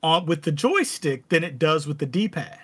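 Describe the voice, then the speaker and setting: A man's voice: fairly high pitch, lively intonation, normal speed, fairly bright tone, slightly rough. A man co-hosting a casual podcast chat, telling stories in a chatty way, full of "like" fillers. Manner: storytelling, chatty with many "like" fillers. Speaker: podcast co-host.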